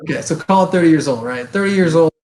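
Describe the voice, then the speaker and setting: A man's voice: a little high, fast talker, darkish tone, low-quality recording. A man around forty hosting a podcast in casual chat, loose and chatty, swearing freely and tagging his points with "right?". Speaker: podcast host.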